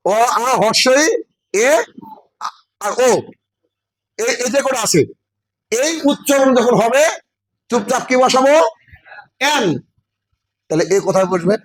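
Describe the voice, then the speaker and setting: In a low-quality recording, a West Bengali English teacher with a high voice lectures at the board. He breaks things down step by step and makes sure his class is following.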